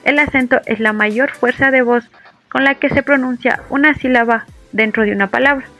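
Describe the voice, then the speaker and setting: A young woman with a high voice reads definitions aloud for a class presentation, in an explanatory tone. Faint music plays underneath. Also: normal speed, sharp tone. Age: young adult. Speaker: student presenter.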